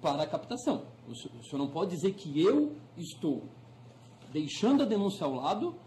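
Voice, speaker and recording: Insistent high-voiced Brazilian judge. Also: male voice, big pitch swings, a little fast, darkish tone, slight background noise, low-quality recording. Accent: Brazilian Portuguese. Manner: interrupting, insistent, stumbling restarts. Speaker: presiding judge in a hearing. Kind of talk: formal courtroom exchange.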